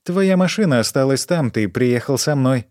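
A man's voice: lively intonation, normal speed, darkish tone, no echo, studio quality, lightly acted. A man voicing an erratic, stoned young woman in an audiobook, rambling and repeating herself. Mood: wary. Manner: shrill outbursts, rambling repetition. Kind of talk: audiobook character voice.

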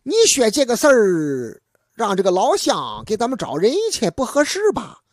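A storyteller playing a nervous young elder brother stuck on a cliff, stammering and unable to make up his mind. The pitch swings widely as he frets aloud, heard in a dry, close sound. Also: wildly swooping pitch, moderate pace, no room sound. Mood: dithering. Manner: hesitant, dithering.

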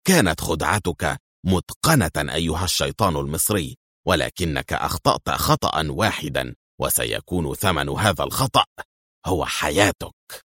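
A man voicing a cunning Soviet officer who speaks quietly, sternly and with cold threat. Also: deep voice, lively intonation, fairly quick, no room sound, clean studio sound. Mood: cold menace.

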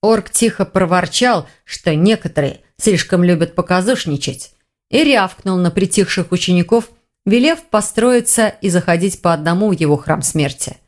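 A woman reading a fantasy audiobook in an even, measured storytelling manner. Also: lowish voice. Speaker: audiobook narrator. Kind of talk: scripted narration.

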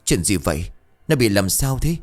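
A gruff, dismissive village father who scoffs at ghosts, as a male narrator plays him. The voice stays lowish but lively. It is heard in a spoken ghost story. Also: normal speed, faint music behind. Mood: alarmed. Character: stubborn skeptical middle-aged village father.

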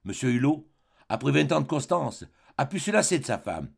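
A man's voice: medium pitch, sing-song, normal speed, creaky, husky, exaggerated voice. A man reading an audiobook aloud, voicing a proud, virtuous middle-aged baroness who speaks with dignified, declamatory reproach. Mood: indignant.

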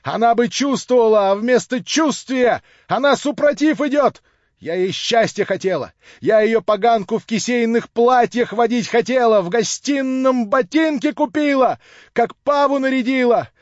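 A man's voice: extremely high pitch, moderate pace, no echo, pitched above the performer's own voice. A man voicing a cruel, drunken middle-aged landlady who scolds and screeches. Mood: ranting. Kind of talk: audiobook character voice. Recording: slightly dull lo-fi audio.

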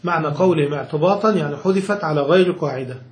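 A man's voice: on the high side, quick pace, a little mellow, echoey room. A man teaching Arabic grammar, patiently explaining a text and repeating each point in plainer words.

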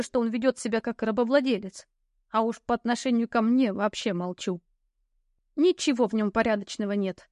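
A woman narrating a fantasy audiobook in the first person, with lively, ironic storytelling. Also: fairly high pitch, no room sound, clean studio sound.

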